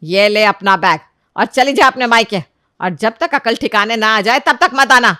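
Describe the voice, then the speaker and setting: A woman voicing a stern, sharp-tongued middle-aged mother-in-law in a cartoon story, with a commanding, scolding manner. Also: lowish voice, expressive, normal speed, no room sound, studio quality. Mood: shouting.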